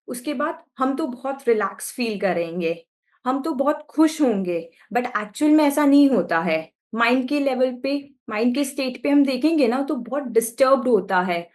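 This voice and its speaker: Indian woman teacher, online class, high voice, keeps asking the class to follow along. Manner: asks the class short check questions. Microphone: video call.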